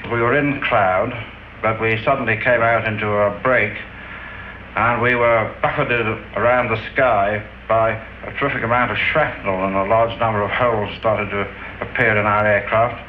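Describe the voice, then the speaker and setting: A middle-aged former pilot recalls a mission in a dry, understated way, hesitating often. The sound is thin and phone-like with a roomy echo, and a faint hiss runs under it. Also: male voice, fairly low pitch, steady tone. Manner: dry, understated, halting with ums. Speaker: wartime pilot interviewee. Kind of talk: archival interview recollection. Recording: tinny, roomy old interview with faint hiss.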